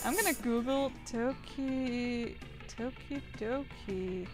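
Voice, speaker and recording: A woman's voice: on the high side, slow, darkish tone, faint music behind. A woman streaming a dating game, chatting casually, swearing freely and reading game text aloud. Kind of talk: casual gameplay chat with guests.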